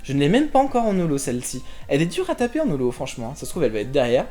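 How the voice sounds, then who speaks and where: A man's voice: fairly high pitch, huge pitch swings, rapid-fire, dark tone, faint music behind. A man hosting his own collector channel, chatting casually to viewers as he opens trading card packs, with many fillers and a friendly direct address. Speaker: YouTube collector channel host.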